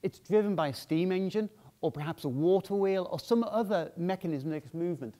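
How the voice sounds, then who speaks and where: A man with a fairly high voice delivers a conference talk from a stage in a big hall. He keeps it loose and conversational, tossing "yeah?" out to the crowd between points. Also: brisk, dark tone. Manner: chatty, asks "yeah?" to the audience often. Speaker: conference speaker.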